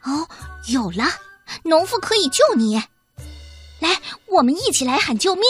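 A woman voicing a curious, excited little boy piglet in a children's storybook. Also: sits high, moderate pace, soft background music, voice pushed up. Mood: eager. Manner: excited, nosy. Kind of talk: storybook reading.

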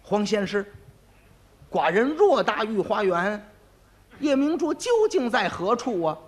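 A man's voice: high voice, very animated, unhurried. A man voicing a formal, stately emperor in a comic storytelling act. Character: old-style imperial emperor, grand and formal.

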